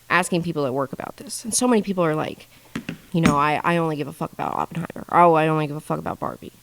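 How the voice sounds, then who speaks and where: A young woman in her twenties rambles through casual stories on a podcast, swearing freely and keeping a deadpan tone. Her voice sits a little low for a woman. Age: 20s. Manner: profane, rambling, deadpan with bursts of laughter. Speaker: podcast guest. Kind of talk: casual storytelling monologue.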